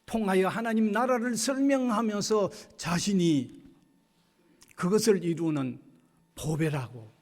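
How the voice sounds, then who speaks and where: High-voiced man preaching in a reverberant church. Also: animated, measured pace. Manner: emphatic preaching, repeating key phrases. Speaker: pastor. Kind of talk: sermon. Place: university church sanctuary.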